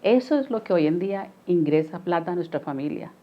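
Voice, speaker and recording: A woman, a dentist recalling her family's past in a soft, hesitant way during a television interview. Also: on the low side, expressive, brisk. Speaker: interviewee, a dentist and the lawyer's wife. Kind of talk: testimonial interview. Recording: dull lo-fi sound.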